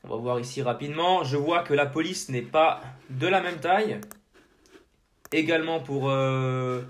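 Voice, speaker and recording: A man hosting a screen-recorded software tutorial, talking casually to the viewer with many fillers and restarts. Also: fairly high pitch, unhurried. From French-speaking. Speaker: tutorial host.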